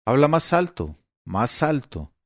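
A man voicing an irritable eighty-year-old father who stumbles over words and turns sharp and shrill when annoyed, read aloud in an audiobook. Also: animated, no echo, clean studio sound. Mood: testy. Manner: halting, testy, voice rising when irritated.

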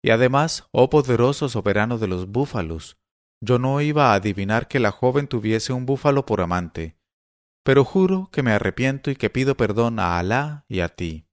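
A terrified hunchbacked stable groom, voiced by a male narrator pleads in a slightly lowered voice. The storybook reading is recorded close and dry, with a mid-pitched voice. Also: animated, normal speed, no echo, natural voice. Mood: pleading.

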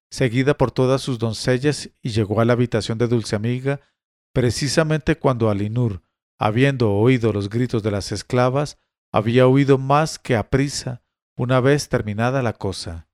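A man narrating a classic tale aloud in a measured, formal storytelling manner. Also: medium pitch, a little mellow, dry recording, studio quality.

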